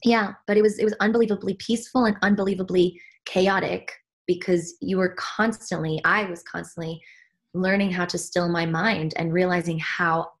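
This Swiss woman, a spiritual teacher, has a lowish voice and speaks at a moderate pace in a steady tone. As a guest on a reflective podcast, she talks earnestly about her path, often restarting sentences while searching for words.

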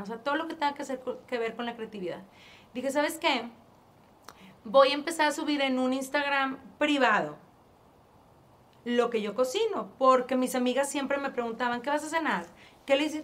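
A woman with a high voice and a northern Mexican accent, originally from northern Mexico, recounts her story animatedly and casually for an interview. She plays out old conversations and frequently begins her sentences again.

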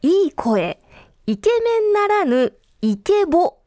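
A woman's voice: very high voice, big pitch swings, takes it slowly, a crowd in the background. A woman reporting a feature on a radio show, laughing often as she presents.

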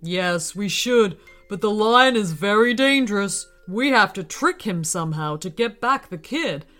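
A woman voicing a wise gorilla and a vain lion in a storybook, in a slightly lower, measured voice. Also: animated, fairly bright tone, soft background music. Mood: calm, wise.

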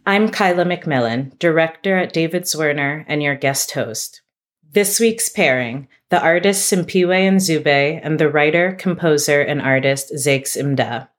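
Woman host, low voice, measured scripted delivery, arts podcast interviewer. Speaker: guest host, gallery director.

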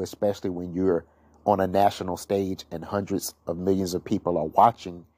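A man with a low, mellow voice gives casual solo commentary on celebrity gossip. He is opinionated and rambles, circling back with fillers and restarts. The sound is dry and close, with no room around it. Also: dry recording. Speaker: gossip podcast host.

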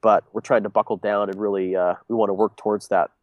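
A man's voice: on the low side, flat delivery, fast, no room sound, dull audio. A young man with a congested, stuffy voice, talking casually as an interview guest and rambling with many fillers and restarts. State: congested, sick. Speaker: guest, business owner.

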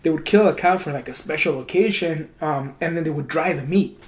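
Casual slangy podcast guy, higher voice. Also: brisk. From Mexico (Durango). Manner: casual, laid-back, heavy slang and swearing. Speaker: comedian and video creator, podcast host.

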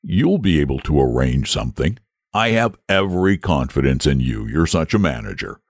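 A man voicing a lazy, cultured male dragon in a slow, drawling, low voice. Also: animated, a little mellow, dry recording, studio quality, full character voice. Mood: lazy, solemn.

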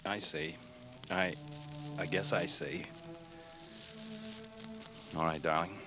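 An actor in a 1940s radio drama playing a steady, loving American man who speaks in a gentle, soft-spoken way. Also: low voice, slow pace. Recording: dull old radio broadcast with music behind.

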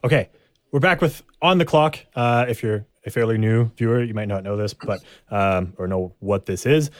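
A man with a lowish voice hosts a sports podcast in a casual, chatty style. The sound is close and dry, with little room in it. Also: moderate pace, no echo. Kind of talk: casual chat.

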